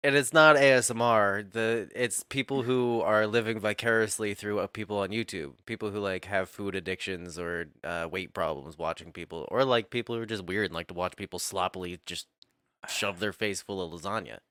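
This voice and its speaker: A laid-back man with a lowish voice jokes around on a home podcast. His sound is dry and close to the mic. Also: fairly quick, fairly bright tone, clean tone, no echo. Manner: laid-back, joking, laughs often. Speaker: podcast co-host. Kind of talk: casual chat. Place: home dining room.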